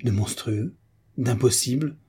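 A man's voice: medium pitch, fairly even intonation, moderate pace, warm tone, husky, pitched above the performer's own voice, natural voice. A man reading aloud as a fussy housekeeper woman, with fretful exclamations.

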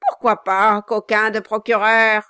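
A woman's voice: medium pitch, level tone, measured pace, bright, forceful tone, smooth, no room sound, clean studio sound. A woman voicing a hideous, gleeful dwarf man who jeers and cackles with mocking laughter. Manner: shrieking, jeering with cackling laughs.

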